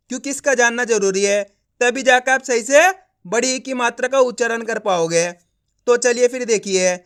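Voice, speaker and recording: A man's voice: extremely high pitch, a bit bright, clean tone. A man teaching a reading lesson, patiently sounding out syllables one by one and often checking that the listener understands. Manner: coaxing, often asking the viewer if they understand. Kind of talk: spoken lesson.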